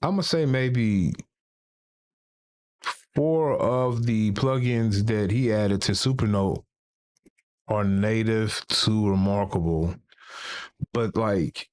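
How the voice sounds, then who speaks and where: A man's voice: on the low side, takes it slowly, pauses often. A man hosting a casual tech livestream, rambling and playful and often restarting his sentences. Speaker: livestream host.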